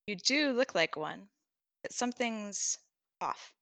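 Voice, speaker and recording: A woman reading the lines of a gruff, threatening male pirate captain in a short story, with little change from her own voice. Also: mid-range voice, lively intonation, slow, fairly bright tone, no room sound. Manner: read plainly with little voice change.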